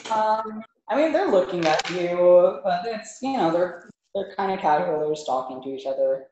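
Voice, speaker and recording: A woman with a low voice runs a tabletop game as game master. She improvises the narration casually and haltingly, in a strongly echoing room. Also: lively intonation, dull audio, background noise. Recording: roomy, echoing tabletop recording.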